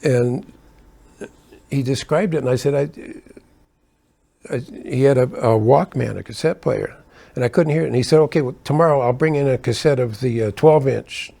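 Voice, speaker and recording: This older man, a keyboard player, spins casual anecdotes about his touring days, wandering off track, fixing his own words, and laughing softly between asides. His mid-range voice has a dark tone and vocal fry, at a normal speed.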